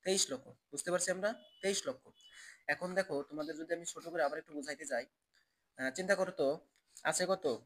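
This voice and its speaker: A man's voice: on the high side, brisk, pauses often, a bit bright. A man teaching a children's math lesson, asking questions and answering them himself in a repetitive drill.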